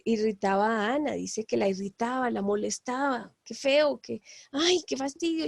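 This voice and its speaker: Woman, Bible class teacher, hesitant delivery full of fillers, gravelly voice, dry close sound. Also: a little high, darkish tone, no room sound. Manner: hesitant, many fillers and tag questions. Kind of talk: Bible lesson.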